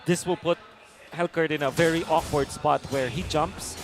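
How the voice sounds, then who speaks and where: High-pitched male esports analyst over music. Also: steady tone, moderate pace. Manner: explanatory, conversational. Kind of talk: analytical game commentary.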